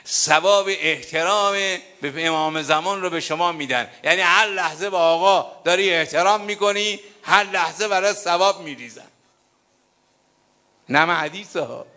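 Impassioned cleric preaching, bright voice. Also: male voice, high-pitched. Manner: emotional, swinging from loud to hushed, reads Arabic aloud. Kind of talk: sermon reading from a history book.

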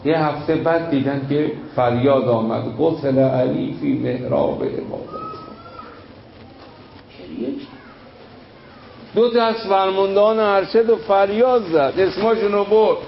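A man preaching a sermon to a gathered audience, telling a story with emotional swings, dramatic pauses and sudden rises. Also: fairly high pitch, gravelly. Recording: echoey room, dull lo-fi sound, faint noise.

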